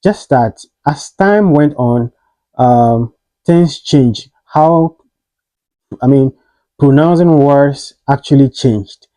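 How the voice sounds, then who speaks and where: Guy teaching pronunciation, mellow dark voice, pretty dry sound, repeats words slow with lots of ums. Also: medium pitch, dry recording, rough recording. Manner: explanatory, repeats words slowly for practice, frequent ums. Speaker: host. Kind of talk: casual spoken pronunciation lesson.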